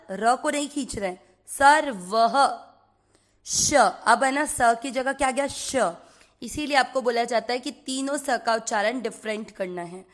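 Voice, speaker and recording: A woman from India leads a slow pronunciation lesson in a somewhat high voice. She takes her time over every syllable, spelling out each sound and then chanting the whole line. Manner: slow, careful, repeats each syllable and chants the verse lines. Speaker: Sanskrit recitation teacher.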